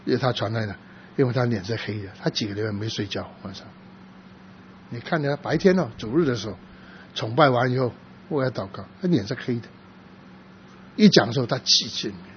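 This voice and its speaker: Halting soft-spoken male pastor, lo-fi. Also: medium pitch, lively intonation. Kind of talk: sermon testimony. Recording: dull lo-fi with faint noise.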